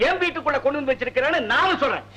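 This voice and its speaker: An actor playing a defiant, hot-headed young brother-in-law who speaks in a challenging way, in 1970s film acting. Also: male voice, extremely high pitch, racing, poor audio.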